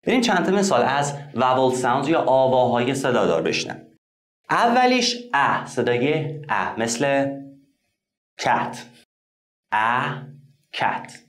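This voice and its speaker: A man whose first language is Persian, teaching an English lesson online in a lively way, asking himself questions and slowing down to spell out sounds. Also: mid-range voice, roomy sound. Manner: lively, asks and answers his own questions; slows down to spell out example sounds.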